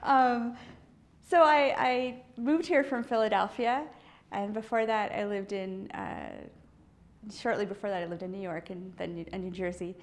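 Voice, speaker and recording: Expressive and medium-pitched, this East Coast woman artist speaks at normal speed during a casual interview. Sitting in her indoor art studio, she reflects thoughtfully, often using fillers, restarting, and laughing lightly.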